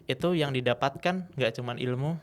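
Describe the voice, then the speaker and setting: A man's voice: mid-range voice, moderate pace. A man, a guest speaker and MC, telling stories in a casual podcast chat and acting out the scenes. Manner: lively storyteller, acts out scenes.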